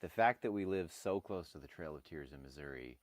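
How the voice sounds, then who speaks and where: A man's voice: rumbling low, lively intonation, fairly quick, no room sound. A man chatting casually on a porch, trading wisecracking banter with his friend. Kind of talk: casual chat. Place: outdoor porch.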